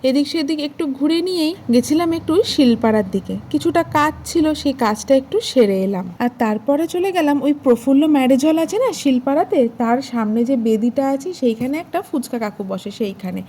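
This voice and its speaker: A woman's voice: high-pitched, animated, fairly quick, few pauses, dark tone, slight background noise. A young woman from Kolkata, chatting directly to her viewers as she narrates her family vlog. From Kolkata, India. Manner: homely, conversational storytelling. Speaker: family vlogger. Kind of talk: casual vlog voice-over.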